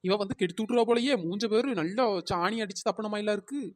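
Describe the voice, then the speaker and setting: A woman's voice: medium pitch, fast talker, close to an everyday voice. A woman voicing a fed-up young snack stall keeper in a cartoon, scolding and complaining. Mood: chiding. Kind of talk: cartoon voice acting.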